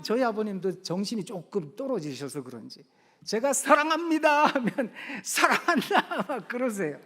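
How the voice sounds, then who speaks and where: A middle-aged male pastor preaching a sermon, telling a story with animated, acted-out quotes in a church sanctuary. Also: high voice. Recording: long reverb of a church hall.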